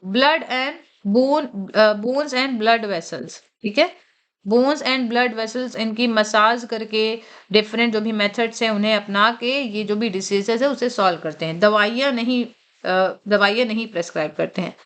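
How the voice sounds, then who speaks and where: A woman teaching an exam-prep vocabulary lecture. She explains slowly and asks questions, then answers them herself, mixing English terms into her teaching. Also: fairly high pitch, fairly bright tone.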